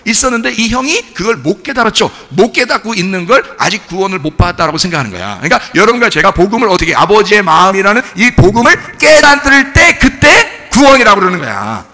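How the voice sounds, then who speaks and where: A man's voice: high voice, very animated, fast, hardly any pauses, sharp tone, big-room sound. A man, a pastor, preaching a sermon in a conversational way, often asking the congregation questions.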